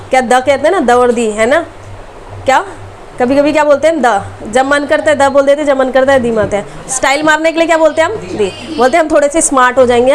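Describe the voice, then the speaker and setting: A woman's voice: high-pitched, slight background noise. A woman teacher giving a classroom grammar lesson, repeating key words back as questions to her students.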